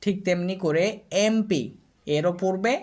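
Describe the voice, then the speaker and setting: Patient Bengali grammar teacher, drilling examples. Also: male voice, high-pitched, moderate pace, darkish tone. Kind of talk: explaining lesson to students.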